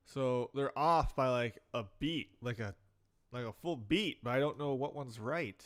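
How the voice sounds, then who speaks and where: A man's voice: medium pitch, measured pace. A man chatting casually to himself while editing a video, muttering and swearing a little when things go wrong. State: hiccups. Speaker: video creator. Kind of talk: casual live editing chat.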